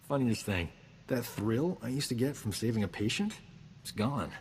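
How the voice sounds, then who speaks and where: A man's voice: medium pitch, animated, moderate pace, darkish tone, long reverb tail, a little hiss or hum, close to an everyday voice. An actor playing a boastful, roguish male doctor in a video game, talking in a cocky, flippant, self-important way. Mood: wry. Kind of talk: video game character dialogue.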